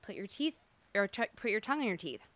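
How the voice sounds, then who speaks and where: A woman's voice: mid-range voice, sing-song, fast, a bit bright, no echo. An American woman hosting a casual solo podcast, brash, sweary and jokey, her speech slightly lisping and slurred from wearing retainers. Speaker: podcast host.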